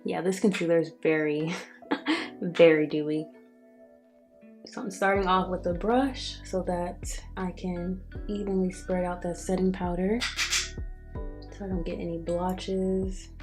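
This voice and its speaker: A woman vlogger chatting casually to viewers through a makeup review, her speech slightly affected by wearing a retainer. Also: medium pitch. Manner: chatty, addresses viewers directly. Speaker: beauty vlogger. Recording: soft music behind the voice. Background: background music.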